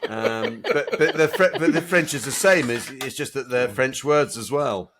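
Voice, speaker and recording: A man's voice: mid-range voice, moderate pace, a crowd in the background. A man co-hosting a podcast in casual chat, rambling and self-mocking, with lots of restarts. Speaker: podcast co-host.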